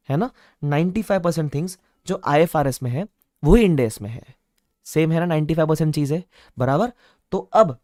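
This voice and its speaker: A man's voice: sits high, dry recording, studio quality. A man teaching an online class, repeating key points with playful asides. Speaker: online exam-prep teacher. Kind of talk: lively classroom lecture.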